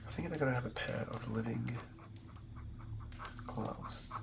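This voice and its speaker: An ASMR host murmurs in a close whisper, planning a tabletop game and improvising a villain through fragmented thoughts. Her medium-pitched voice carries vocal fry at a measured pace, set against a noisy background.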